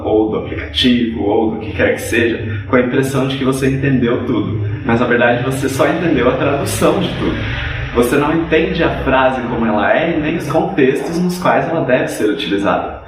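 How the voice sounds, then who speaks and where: A man teaching English in an explanatory video lesson, direct and driving points home by repeating examples. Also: medium pitch. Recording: echoey room, voice from a distance.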